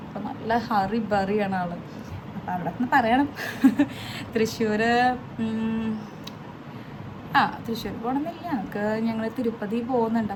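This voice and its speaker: Chatty woman in her thirties, noisy home recording. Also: a little high. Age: 30s. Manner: chatty and rambling, many hesitant filler sounds. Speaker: family vlogger. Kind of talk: casual chat to camera.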